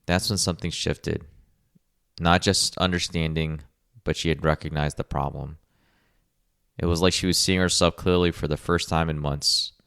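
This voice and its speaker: Very deep-voiced man, calm coaching tone. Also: moderate pace, vocal fry, clean tone, dry recording, clean studio sound. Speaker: podcast host, rehab clinician. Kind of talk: scripted podcast monologue.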